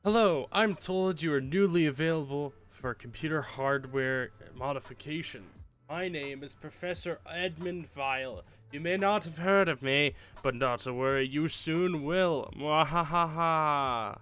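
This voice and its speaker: A man's voice: a little high, measured pace, a bit bright, soft background music, voice pushed up. A man voicing a pompous, gleefully menacing evil professor from a video game in a theatrical panto-villain manner. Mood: gloating menace. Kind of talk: hammed-up reading of a villain's letter.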